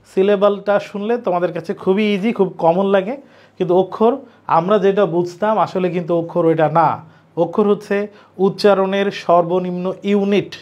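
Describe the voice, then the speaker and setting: Repetitive high-voiced male teacher. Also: a little mellow. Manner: explains slowly with many repetitions and questions to students. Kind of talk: online grammar lecture. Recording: dull lo-fi recording.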